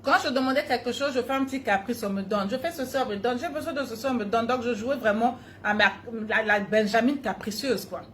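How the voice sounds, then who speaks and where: A woman's voice: on the high side, brisk, hardly any pauses, slight background noise. A woman coach giving a motivational talk, telling her own childhood story and speaking directly to her listeners. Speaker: personal development coach.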